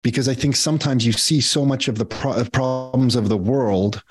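Over a video call from his home studio office, a middle-aged podcast host interviews a guest through an earbud headset, asking long, rambling questions full of fillers. His voice is mid-range at a moderate pace.

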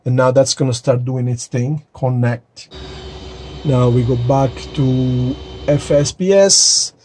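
Speaking slowly in a steady, medium-pitched, darkish voice, this man casually shows viewers how he boots up his home flight simulator cockpit. He talks directly to them while clicking through screens, and the phone recording in the sim room carries slight background noise.

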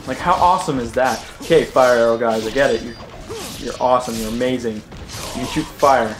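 A man's voice: mid-range voice, a little fast. A man giving casual gameplay commentary, rambling and joking and correcting himself as he goes. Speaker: let's play host. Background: game music and sounds.

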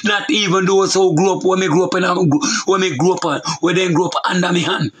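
Middle-aged Jamaican man, bright, tense delivery, emphatic repetitive preaching. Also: sits high, fairly even intonation, fast talker, slightly rough, rough recording. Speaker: preacher on a talk show. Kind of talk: loose preaching monologue.

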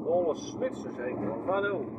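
A vlogger with a Groningen accent rambles chattily while driving, filming on a handheld phone and asking himself questions along the way. His voice is on the high side, animated, and at normal speed, with dull audio and heavy background noise.

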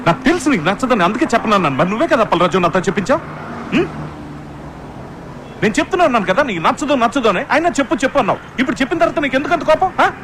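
A dithering, teasing sidekick. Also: male voice, very high-pitched, big pitch swings, rapid-fire. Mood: defensive. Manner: hesitant, repetitive, teasing. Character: dithering, meddling male sidekick. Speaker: director's sidekick. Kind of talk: comic film dialogue. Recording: street traffic noise behind.

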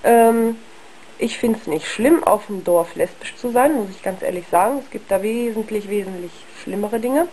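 A young woman talking frankly and haltingly in a casual video monologue, ill with flu, her worn, husky voice giving out. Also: medium pitch, mellow, slight background noise, rough recording. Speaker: video blogger. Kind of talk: casual personal monologue to camera.

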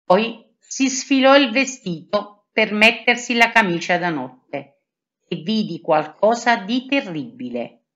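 A woman reading a children's adventure story aloud in first person, with lively intonation. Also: medium pitch, slow, highs cut off. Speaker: storybook reader.

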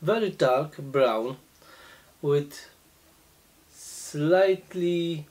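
Slow, halting man reviewing beer. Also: on the high side, a little mellow. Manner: slow, halting, many fillers and restarts. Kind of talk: casual beer tasting review. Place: small indoor room, seated at a table.

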